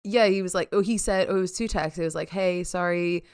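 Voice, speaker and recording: A woman's voice: on the low side, brisk, darkish tone, clean tone, dry recording, clean studio sound. A young woman co-hosting a podcast, chatting casually and rambling with lots of fillers and giggles. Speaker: podcast co-host. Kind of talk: casual chat.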